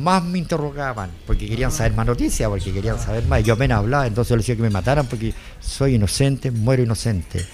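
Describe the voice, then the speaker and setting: A rapid-fire older man with a Chilean accent recounts his past in a rambling interview. He talks fast, loops back on himself, and acts out what others said to him in an even, mid-pitched voice. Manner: rambling, repeats "le dije yo", quotes others. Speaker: interviewee, former driver. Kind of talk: emotional personal testimony.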